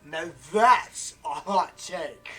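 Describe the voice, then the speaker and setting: A woman co-hosting a comedic fan fiction reading, reacting with loud, profane disbelief. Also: lowish voice, expressive, very slow, soft background music.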